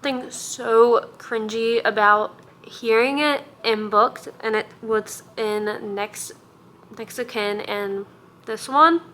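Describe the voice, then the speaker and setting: A woman's voice: a little high, slow pace. Chatty young woman book vlogger. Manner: chatty, candid, often drops to a hushed voice at night. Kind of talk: casual vlog chat.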